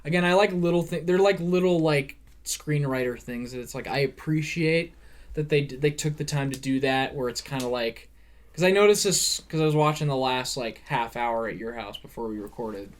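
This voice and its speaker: A man's voice: medium pitch, moderate pace. A man co-hosting a casual movie podcast, rambling with lots of fillers and swearing. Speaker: podcast co-host. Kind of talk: casual movie review chat.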